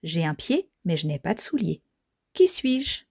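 A woman voicing a small owl who guards a wall of brambles and asks riddles slowly. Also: on the low side, very animated, a little mellow, husky, no echo, studio quality, exaggerated voice. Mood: playful.

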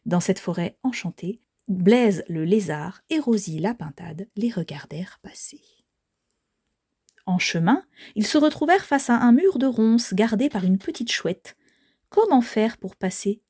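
Lady reading a kids story, soft and hushed sometimes, dry close mic. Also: medium pitch, animated, measured pace, husky, no room sound. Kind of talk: children's storybook narration.

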